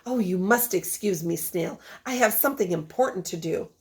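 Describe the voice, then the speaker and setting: A woman's voice: lowish voice, moderate pace, a little mellow, natural voice. A woman voicing a polite female pig in a storybook, gracious in manner. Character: polite female pig in her mud patch.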